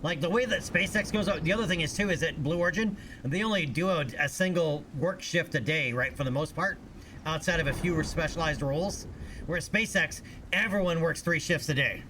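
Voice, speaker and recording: A man's voice: on the high side, a little fast. Man, streamer, casual rambling talk, faint hiss behind. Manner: rambling explainer, many fillers. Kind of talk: casual live-stream chat.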